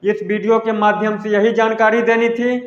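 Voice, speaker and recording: A man with a high-pitched voice and level tone gives students an informal exam update at a moderate pace, repeating himself emphatically and calling them friends. The recording sounds dull and lo-fi, with echoey, hall-like reverb.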